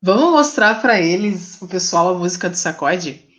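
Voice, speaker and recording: A woman's voice: fairly low pitch, animated, normal speed. A woman hosts a casual live chat and prompts her guest. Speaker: live stream host.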